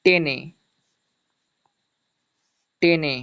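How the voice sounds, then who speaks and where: A man's voice: a little high, very slow, a bit bright, clean tone. A male teacher gives an online zoology lesson, explaining step by step, repeating mnemonics and checking that students follow. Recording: dull lo-fi audio.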